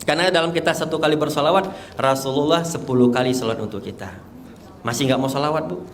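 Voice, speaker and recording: Man, thirties, emotional religious testimony, animated storytelling, slightly high voice. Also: fast talker. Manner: earnest, animated storytelling with rising excitement. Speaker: guest giving a personal testimony.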